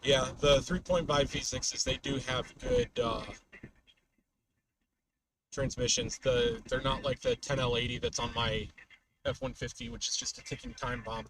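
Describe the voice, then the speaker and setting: A man's voice: medium pitch, very animated, unhurried, gravelly. A man livestreaming as a storm chaser from a moving car, chatting casually and off the cuff, often trailing off mid-thought. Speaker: storm chaser live streamer. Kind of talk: casual unscripted livestream chat while driving. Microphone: webcam microphone in car. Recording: noisy car, distant webcam mic.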